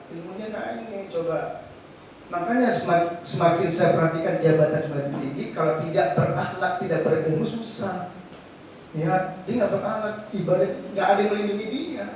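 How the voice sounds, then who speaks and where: A middle-aged teacher giving an informal seminar talk, gentle and patient, asking his audience rhetorical questions. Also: high-pitched, slight background noise. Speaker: teacher speaking at an education seminar. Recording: echoey hall, speaker far from mic.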